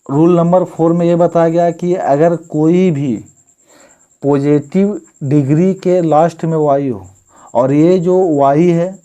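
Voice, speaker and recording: Mellow-voiced man teaching grammar. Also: a little high, fairly even intonation, muffled recording. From India. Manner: explains slowly, reads word lists out one by one. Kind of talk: classroom-style grammar lesson.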